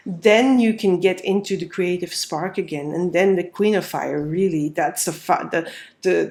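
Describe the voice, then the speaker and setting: Laying out cards one by one, a tarot reader explains each in a casual reading. She has a cold, so her lowish, darkish voice comes out nasal.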